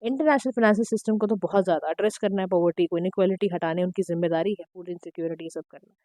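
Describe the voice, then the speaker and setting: A woman teacher, giving an exam-prep lecture in a direct, instructive way, her throat slightly hoarse. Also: fairly low pitch, very fast, warm tone, dry recording. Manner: direct, instructive, mixing Hindi and English. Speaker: current affairs teacher.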